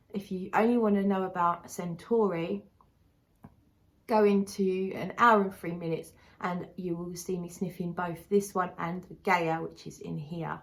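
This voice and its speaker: Lisping woman with whistling s, chatting casually. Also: on the low side. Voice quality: lisp with whistling s from a dental brace. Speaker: perfume reviewer. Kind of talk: casual chat to camera.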